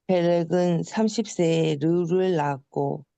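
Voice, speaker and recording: A reader taking turns reading scripture aloud in a measured, careful way. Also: mid-range voice, steady tone, gravelly, dark tone, no echo.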